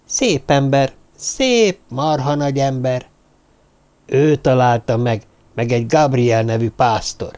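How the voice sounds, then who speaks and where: A man's voice: mid-range voice, a little mellow, smooth, close to an everyday voice. A man voicing a tiny, bashful dwarf girl who gushes, in an audiobook. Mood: smitten. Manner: bashful, gushing. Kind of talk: audiobook character voice.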